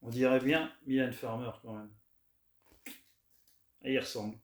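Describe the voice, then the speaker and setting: A man chatting casually as he shows off his record finds, relaxed and hesitant with many fillers. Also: medium pitch, a little slow. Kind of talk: casual unboxing chat. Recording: roomy echo, faint noise.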